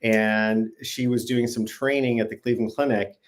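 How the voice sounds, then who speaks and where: A middle-aged man from the Detroit area of Michigan, slightly hoarse, chatting as a guest on a video call in a friendly way. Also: medium pitch, little pitch movement, normal speed. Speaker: guest, medical doctor. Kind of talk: casual interview chat.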